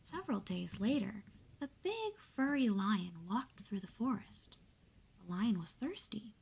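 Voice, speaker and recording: A woman softly reading a bedtime story aloud as an older sister in a whispered role-play. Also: fairly high pitch, breathy edge. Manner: soft, slow bedtime reading.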